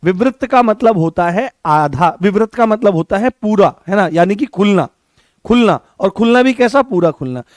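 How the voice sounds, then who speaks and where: A man teaching a Hindi exam-prep class, repeating each point and quizzing students with lively, chatty asides. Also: high voice, normal speed, no room sound, clean studio sound. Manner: repetitive, drilling questions to students. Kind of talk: classroom lecture.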